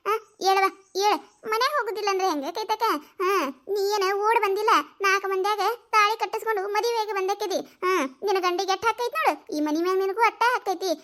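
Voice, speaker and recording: A woman's voice: very high voice, a bit bright. A woman with a North Karnataka Kannada accent voicing village women in a cartoon comedy, scolding and wailing. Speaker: voice artist for village cartoon characters.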